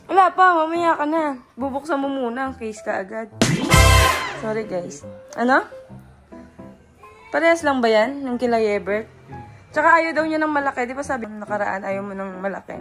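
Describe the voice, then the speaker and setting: A woman's voice: high-pitched, normal speed, pauses often, over music. A young woman from the Philippines vlogging casually from a messy bedroom, her voice worn out from tiredness, teasing and laughing a lot. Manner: excitable, laughs and teases a lot. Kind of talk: casual vlog chat.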